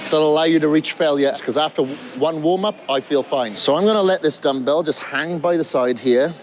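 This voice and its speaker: Man, fitness trainer, gym workout instruction, middle pitch, demonstrating while talking, faint background noise. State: out of breath at times.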